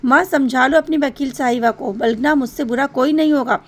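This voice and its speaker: A woman's voice: high voice, moderate pace. A woman voicing a whiny, quarrelsome boy who complains as an older brother in a spoken story. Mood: angry. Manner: complaining, wailing.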